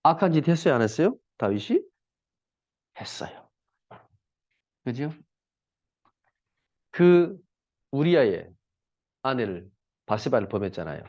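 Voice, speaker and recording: Pastor guy preaching, chatty, lots of rhetorical questions, animated pitch, dull dry lo-fi audio. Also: measured pace, pauses often, dry recording. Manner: conversational, rhetorical questions, colloquial. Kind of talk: sermon.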